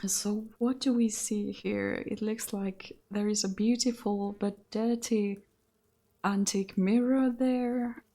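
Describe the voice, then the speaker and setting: A woman's voice: mid-range voice, steady tone, slow pace, warm tone. A young woman commenting on a game she plays, reading its text aloud and reacting with delight. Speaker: gaming channel host.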